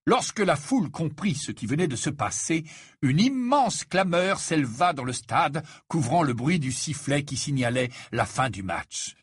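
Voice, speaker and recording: A man narrating an audiobook and voicing the characters in an expressive way. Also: moderate pace, slightly rough, dry recording, clean studio sound. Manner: expressive, raises pitch for dialogue.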